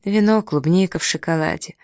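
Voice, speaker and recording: A man's voice: high voice, fairly quick, darkish tone, no echo, clean studio sound. Ramsey, a reader voicing a brooding young man. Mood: sulky. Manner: sulky, brooding. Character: Ramsey, grumbling young man, moody and self-pitying.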